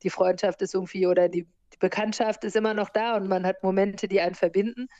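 This is a woman in her forties with a soft, mellow voice, chatting easily about her life and laughing often. The sound is close and dry, with a slightly muffled, lo-fi quality. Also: medium pitch, quick pace, no echo. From born in the US, grew up in Germany. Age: 40s. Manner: lively, laughs often while telling stories. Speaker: interview guest, surf instructor and hostel owner. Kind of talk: relaxed conversational interview.

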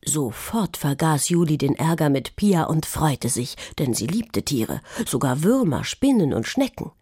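A woman narrating a children's audio story in a scripted, expressive storytelling manner. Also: sits low, measured pace, breathy edge, no echo, clean studio sound.

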